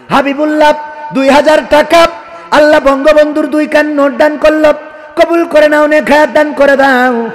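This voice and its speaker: Preaching a waz sermon from a stage at a religious gathering, a high-voiced young Bangladeshi man speaks with a Bangladeshi Bengali accent. His loud declamation slides into a singsong chant as he makes donation appeals, prays and seeks responses from the crowd. Heavy, long hall reverb from the amplified sound system surrounds him.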